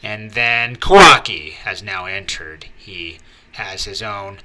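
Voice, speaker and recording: Male manga commentator with a bright, forceful tone; slow, chatty page-by-page read-through. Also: on the low side. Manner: chatty, with many fillers and excited asides. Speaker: manga reviewer and channel host.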